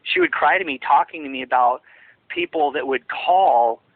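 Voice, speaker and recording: This interviewee, once associated with a ministry, speaks at medium pitch and a moderate pace with no echo. The phone line is tinny and dry, and his talk is rambling and forceful, full of false starts.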